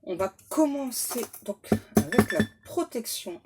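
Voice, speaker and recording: A woman's voice: a little high, animated, measured pace, very noisy. A woman doing a casual tarot reading to camera, chatty and joking, breaking off to banter with her spirit guides and laughing at herself. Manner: self-mocking, laughs at herself. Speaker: tarot card reader.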